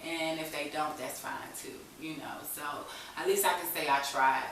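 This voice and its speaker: Deep and a bit bright, her voice holds fairly even intonation at a moderate pace. The woman, in her thirties, is an interview guest telling a candid personal story informally, with lots of "you know" in her vernacular speech. The audio has echo, a distant mic and faint hiss.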